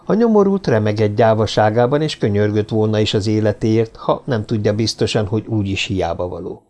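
A man's voice: on the low side, mellow. A man reading an audiobook in a dramatic, theatrical way, with quoted lines swelling into vengeful outbursts. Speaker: audiobook narrator.

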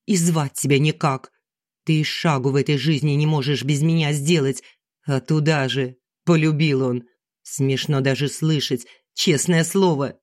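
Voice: mid-range voice, fairly even intonation, unhurried, darkish tone, lightly acted. A narrator voicing an aggrieved middle-aged wife who complains shrilly and sarcastically through tears, in an audiobook. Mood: mocking. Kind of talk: audiobook character reading.

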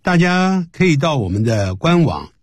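Radio English teacher, male; husky, very lively pitch, dry studio sound, patient and repetitive. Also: dry recording. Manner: explains patiently, repeats and slowly models English phrases. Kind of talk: radio language lesson. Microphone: studio microphone.

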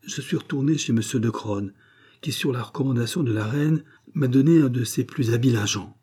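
Audiobook: man reads a hypnotized young countess, pleading, husky. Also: mid-range voice, fairly quick, dark tone, close to an everyday voice. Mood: entranced. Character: the young countess Andrée, entranced, resisting. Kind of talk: audiobook character voice.

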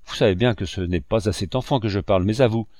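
A man doing a stern, forceful old showman. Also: lowish voice, quick pace, no echo, clean studio sound, lightly acted. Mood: indignant. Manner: forceful, righteous. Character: stern, indignant old male street performer.

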